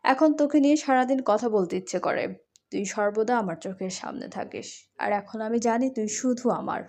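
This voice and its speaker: A woman's voice: on the high side, moderate pace, a little mellow, natural voice. A woman voicing a devoted, teasing young husband in a romantic audio story, tender and coaxing.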